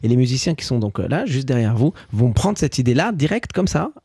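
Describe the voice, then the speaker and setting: Male radio host, husky and dry close-mic sound, eager, loose delivery full of restarts. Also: medium pitch, big pitch swings, fast, mellow, no room sound. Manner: enthusiastic, loose, with many restarts. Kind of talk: casual conversation on radio. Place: radio studio.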